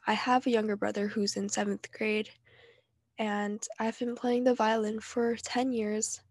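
A woman's voice: fairly high pitch, flat delivery, measured pace, dry recording, clean studio sound. A teenage girl with a nasal voice from allergies, talking candidly and casually on her own podcast. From New Jersey. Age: teens. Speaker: podcast co-host. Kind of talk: personal podcast monologue.

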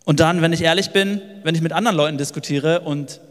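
A man's voice: fairly high pitch, quick pace. A man preaching a sermon with emphasis, repeating phrases and building long lists. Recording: long hall reverb with soft music.

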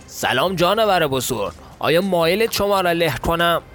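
A man's voice: on the high side, lively intonation, a bit bright, faint music behind, pitched above the performer's own voice. A man voicing a playful, boastful male stone colossus who taunts his foe. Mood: taunting.

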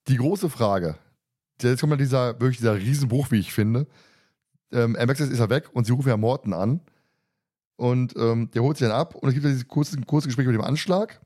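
A man with a warm, medium-pitched voice co-hosts a podcast, casually discussing an audio drama in a colloquial, teasing manner.

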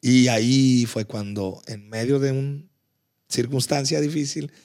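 A man's voice: mid-range voice, fairly even intonation, unhurried, darkish tone. A man, a pastor, talking in a casual faith conversation, telling his story with earnest feeling and stumbling over repeated words.

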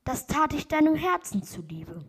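A woman's voice: sits high, sing-song, moderate pace, a bit bright, voice pushed up, exaggerated voice. A woman voicing a tender young bride in a read-aloud fairy tale, pleading in a lifted voice.

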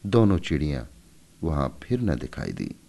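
A man narrating a story in an expressive, measured storybook reading. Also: a bass voice, vocal fry.

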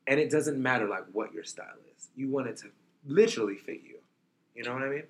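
A fast-talking New Yorker in his thirties with a mid-range voice chats easily as an interview guest. He's laid-back and keeps sprinkling in "like" and "you know."

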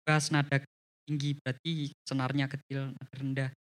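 A man teaching a church leadership class on communication. He is lively and often tags his sentences with a questioning "ya". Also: moderate pace. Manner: animated, frequent rising pitch, tags sentences with "ya".

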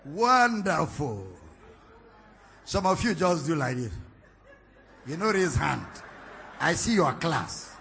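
Gravelly Nigerian preacher, lively and bright. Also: male voice, on the high side, slow, pauses often, a little hiss or hum. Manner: teasing questions to the congregation, rising into shouted climaxes. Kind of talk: sermon. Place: church hall, large, indoors.

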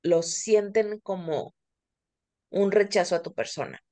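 A woman's voice: medium pitch, measured pace, over a noisy crowd. A middle-aged Mexican woman co-hosting a podcast, talking candidly and casually with plenty of fillers. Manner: candid, confessional, many fillers. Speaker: podcast co-host.

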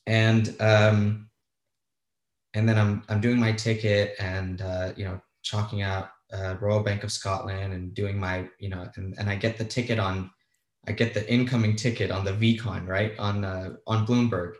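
Male guest, casual raconteur, lowish voice, self-deprecating, roomy recording. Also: level tone, measured pace. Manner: candid, self-deprecating, swears freely. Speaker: guest, former bond trader. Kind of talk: casual storytelling.

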